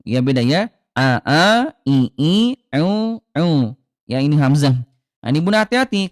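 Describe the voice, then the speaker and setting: A man's voice: on the high side, no room sound, clean studio sound. Man teaching Quran recitation. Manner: patient, repeats Arabic sounds slowly as examples. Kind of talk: live online Quran reading lesson.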